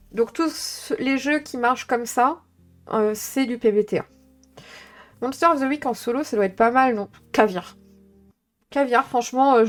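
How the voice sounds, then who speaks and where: A woman chatting casually on a live stream, thinking aloud with many fillers as she talks through tabletop games. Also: a little high.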